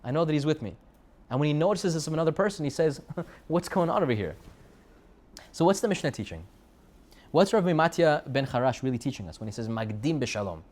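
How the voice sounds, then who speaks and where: An American man teaching a Torah lesson in a sermon style, animated and full of rhetorical questions. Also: fairly high pitch, fast talker. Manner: animated, rhetorical questions, sprinkles Hebrew and Yiddish terms.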